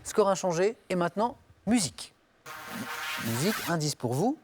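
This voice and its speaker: A man's voice: high-pitched, very animated, normal speed, background noise. A man hosting a television quiz show, reading clues in the first person and calling on the players by name. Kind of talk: game show question reading.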